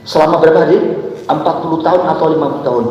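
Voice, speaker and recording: A man preaching a dawn sermon to a gathering, switching between loud emphatic bursts and soft asides and asking the crowd questions. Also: fairly high pitch, rapid-fire, muffled recording, slight background noise. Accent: Indonesian. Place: large hall with long reverb. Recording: echoey hall, voice from far off.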